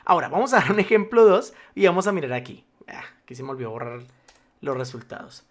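A man's voice: on the high side, quick pace. A man teaching a spreadsheet tutorial, explaining step by step, reassuring the viewer and checking in often. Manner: formal address to the viewer, patient step-by-step explaining. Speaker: spreadsheet instructor. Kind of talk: screen-recorded software tutorial.

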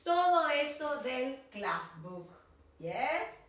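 A woman English teacher with an Argentine accent, giving a recorded class for children and drilling words slowly and with exaggeration, switching to Spanish to explain. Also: high-pitched, very animated, a bit bright, heavy reverb, recorded from a distance.

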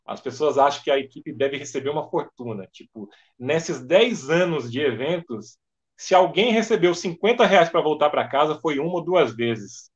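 A man, a podcast guest and event organizer, telling stories in lively fashion and acting out dialogue. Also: on the high side, moderate pace. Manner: animated storyteller acting out dialogue. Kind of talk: casual podcast storytelling. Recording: dull lo-fi podcast audio.

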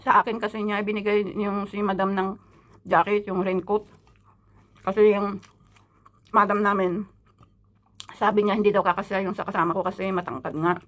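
Middle-aged Filipina vlogger, gossipy and casual, talking while chewing, mid-range voice. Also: female voice, medium pitch, flat delivery, normal speed, pauses often. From Philippines. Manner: chatty, gossipy, laughs often. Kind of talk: casual mukbang vlog chat.

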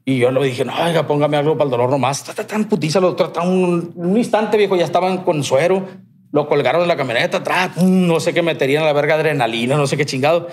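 A podcast guest with a Sinaloan Mexican Spanish accent speaks fast in a slightly high voice. He tells a long personal story casually, rambling, full of slang and swear words.

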